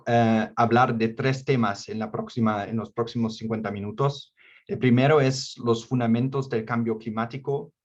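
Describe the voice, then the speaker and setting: German-accented man presenting, low-fi audio. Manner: non-native Spanish with small grammar slips and hesitations. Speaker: consultant presenting a workshop. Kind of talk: online workshop presentation. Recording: dull, band-limited online call audio.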